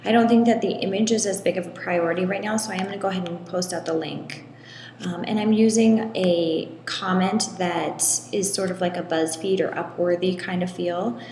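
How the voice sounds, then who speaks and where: A woman giving a step-by-step screen tutorial in an echoey room with long reverb, talking in a relaxed way with frequent ums. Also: on the low side, normal speed, slight background noise. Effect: echoey room with long hall-like reverb. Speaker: tutorial presenter.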